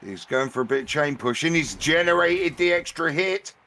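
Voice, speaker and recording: Gravelly man commentating a match. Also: a little high, animated, normal speed, bright, forceful tone. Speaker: esports-style match commentator. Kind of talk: casual live board game commentary.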